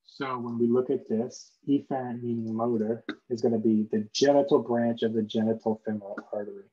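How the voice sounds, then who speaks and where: A man's voice: mid-range voice, mellow. Man lecturing, muffled as through a wall. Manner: explaining casually with frequent "um" and "uh" fillers. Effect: muffled, as if heard through a wall. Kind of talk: online lecture. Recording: dull, muffled lo-fi mic sound.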